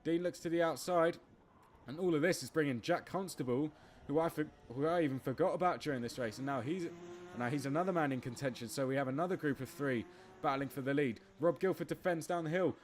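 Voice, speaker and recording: A man calling a kart race live, excitable, breaking into laughs and tripping over his words. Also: on the high side, brisk. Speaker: race commentator. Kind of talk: live motorsport commentary.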